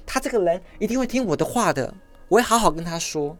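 A woman's voice: lively intonation, fast, faint music behind, lightly acted. A woman voicing a scheming ancient court consort who plays the sweet, devoted wife. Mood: sweet wheedling. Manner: wheedling, theatrical, high and sugary.

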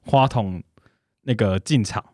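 A man, co-hosting a podcast in casual chat, answering quickly and teasing his co-host. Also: fairly low pitch, a little mellow, no echo, clean studio sound. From Taiwan. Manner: quick-talking, teasing replies.

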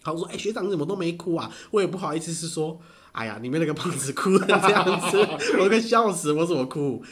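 A man, telling stories in casual chat, animated and laughing often. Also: fairly high pitch, quick pace, a crowd in the background.

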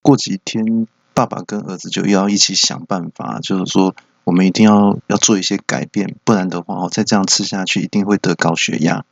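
A man's voice: sits low, fairly even intonation, brisk, creaky, few pauses, no room sound. A man hosting a solo comedy podcast, telling playful stories. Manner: playful storytelling. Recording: dull, dry lo-fi home recording.

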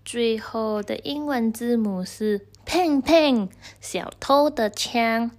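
A woman storyteller reading a story to children and gently speaking to them directly. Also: on the high side, slow.

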